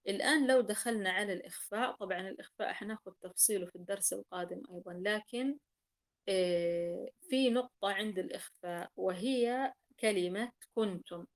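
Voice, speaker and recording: A woman's voice: medium pitch, a little fast. A woman teaching Quran recitation rules in a class, explaining patiently, repeating key points and sounding out examples.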